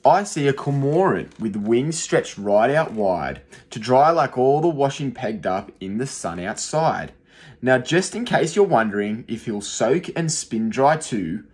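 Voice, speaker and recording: A young adult male teacher with a medium-pitched voice reads a rhyming picture book to young children in a rhythmic, expressive way. He sits in a small room, and a phone close in front records him.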